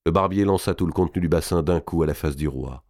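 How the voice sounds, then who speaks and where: A man reading a historical novel aloud in a measured, even storytelling manner. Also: sits low, dry recording, clean studio sound. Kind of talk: audiobook narration.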